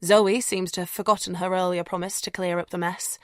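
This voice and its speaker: A woman reading a first-person mystery audiobook in a measured, reflective way. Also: on the low side, little pitch movement, no room sound, studio quality. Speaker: narrator. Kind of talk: scripted audiobook narration.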